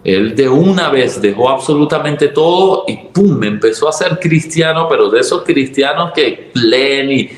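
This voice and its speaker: A Venezuelan man, a pastor, recounts his own testimony in a conversational way. His Venezuelan Spanish accent shows, his voice sits at a middle pitch, and he acts out other people's lines with sudden leaps in pitch. The recording has a noticeable room echo. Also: measured pace, hardly any pauses. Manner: lively storyteller who acts out dialogue with sudden jumps in pitch. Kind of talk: telling a personal testimony in a conversation. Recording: roomy echo.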